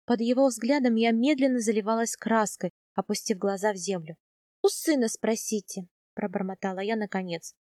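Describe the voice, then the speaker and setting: A woman narrating a first-person novel as an audiobook, expressive and animated in the heroine's lines. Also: medium pitch, brisk, few pauses, no room sound, studio quality.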